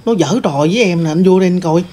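A man puts on a scheming stepmother, her voice pushed high and loud. She pleads and accuses in a shrill rush. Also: expressive, moderate pace. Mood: shrill accusing.

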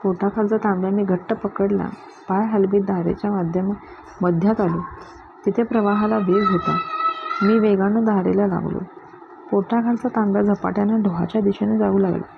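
Gravelly-voiced woman reading a story. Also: medium pitch. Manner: steady, measured reading. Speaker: story reader. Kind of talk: storybook narration. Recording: dull lo-fi with faint hiss.

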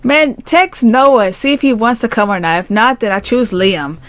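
A chatty woman reads a romance story game aloud and gushes over it. She giggles often and talks to her viewers in a casual, excited way. Her voice sits in a middle range. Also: on the high side, normal speed. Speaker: gaming YouTuber.

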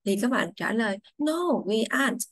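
A woman English teacher, patiently explaining grammar to children, saying English phrases slowly before translating them. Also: on the high side, animated, no echo.

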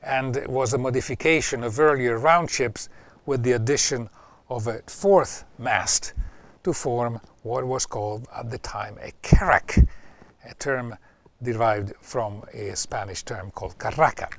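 A man's voice: mid-range voice, measured pace, no room sound. A man with an Italian accent giving an informal history talk, often repeating and restarting his phrases. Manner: varies loudness a lot from phrase to phrase. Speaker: history presenter.

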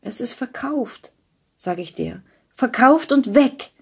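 A woman reading a story puts on an anxious young wife who talks in breathless, eager bursts. The voice sits well above the reader's own, loud and lively. It has a slightly husky edge. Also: a little high, slow pace, voice pushed up, full character voice. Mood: imploring. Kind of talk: audiobook character voice.

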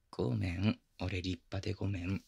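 A man playing a teasing, affectionate young boyfriend in intimate ASMR role-play, murmuring softly and very close to the microphone. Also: deep voice, flat delivery, a little slow, no echo, exaggerated voice. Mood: playful teasing. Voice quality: breathy, gravelly. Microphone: very close binaural microphone, dry.

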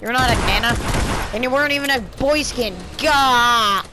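A woman's voice: a little high, normal speed, heavy background noise. A woman giving casual, goofy commentary while playing a video game, exclaiming often. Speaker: gamer streaming her play. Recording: game gunfire over the voice. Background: video game gunfire and clicks.

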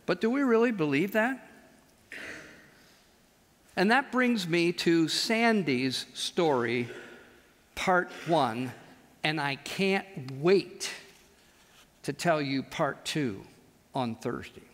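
An older man preaching a chapel sermon on a large auditorium stage, animated and gesturing, slowing into emphatic pauses. He speaks into a headset mic. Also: a little high, long reverb tail.

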